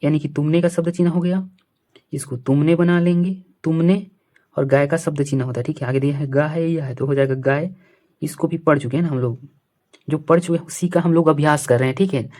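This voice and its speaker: A man teaching a shorthand lesson step by step. He repeats himself often, keeps pointing things out and checking that the listener follows, and reads phrases out slowly, word by word. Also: a little high, steady tone, a little mellow. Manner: repetitive, keeps saying "see here" and checks understanding.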